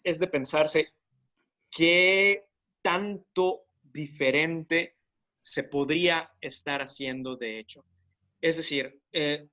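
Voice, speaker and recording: Bright-voiced Mexican man thinking aloud. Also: on the high side, dull audio. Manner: reflective and critical, thinking aloud. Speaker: podcast co-host. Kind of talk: casual discussion podcast.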